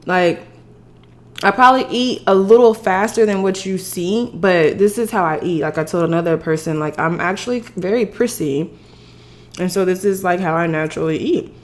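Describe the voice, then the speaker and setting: Eating crunchy fried chicken on her eating show, a woman rambles casually to the camera. She speaks at a moderate pace in a fairly low-pitched voice.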